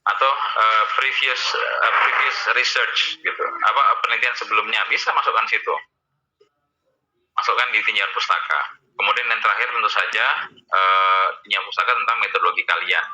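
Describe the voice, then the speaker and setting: Low, sharp-voiced male lecturer. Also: steady tone, normal speed, dull audio. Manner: casual, chatty, many fillers. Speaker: university lecturer. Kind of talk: online lecture with screen sharing.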